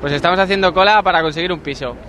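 A young man queuing for a flat, explaining plainly in a street interview. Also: high-pitched, very fast, slight background noise.

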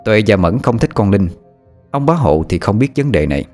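Man, storyteller, horror story narration, low voice, faint music. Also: very animated, moderate pace, darkish tone.

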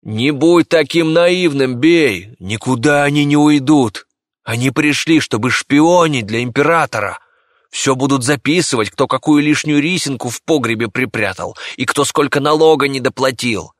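A man playing a coarse, threatening village ringleader with a hoarse, cawing voice. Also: medium pitch, moderate pace, no room sound, studio quality, pitched above the performer's own voice, natural voice. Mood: ranting. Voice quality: hoarse, crow-like. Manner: threatening and bullying.

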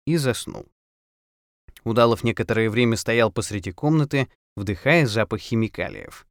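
A man's voice: mid-range voice, no echo, studio quality. A man reading an audiobook in a theatrical style, putting on voices for the characters. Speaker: audiobook narrator.

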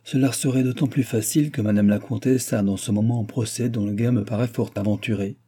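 A man voicing a grave, sly old-regime chancellor in an audiobook reading, measured and husky. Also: lowish voice, steady tone, warm tone.

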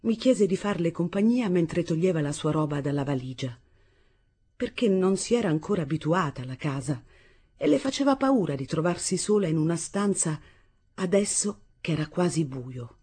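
Woman reader, husky low voice, very lively intonation, radio novel reading. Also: moderate pace. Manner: expressive, lively first-person narration. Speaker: audiobook reader.

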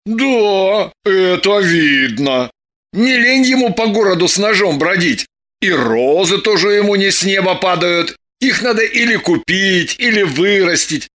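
A high, bright male voice for an exasperated, jealous young man, played by a male actor. He scolds and mocks with theatrical sarcasm. It is a storybook reading. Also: lively intonation, unhurried, heavily acted. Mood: sardonic. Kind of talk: audiobook dialogue.

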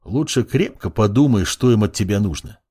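A man's voice: on the low side, expressive, moderate pace, mellow, slightly rough. A man voicing a young male judge who is irritated and condescending, speaking in a brusque, lecturing way in an audiobook.

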